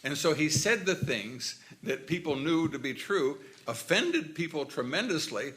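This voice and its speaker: A man's voice: a little high, big pitch swings, measured pace, fairly bright tone. A man speaking at a forum panel, answering questions in an emphatic, plainspoken way. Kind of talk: panel remarks.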